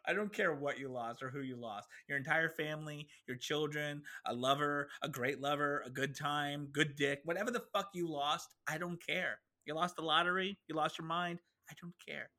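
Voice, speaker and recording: Animated, foul-mouthed male podcast co-host. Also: fairly high pitch, normal speed, hardly any pauses. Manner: animated, profane, acts out characters' lines. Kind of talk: casual chat.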